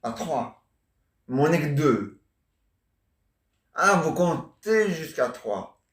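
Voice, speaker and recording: Man, slow halting delivery, playful, acting out a play, roomy echoey room, distant mic. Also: on the high side, sing-song, a bit bright. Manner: halting, full of restarts, playful. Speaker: theatre amateur. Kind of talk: retelling and acting out a stage comedy.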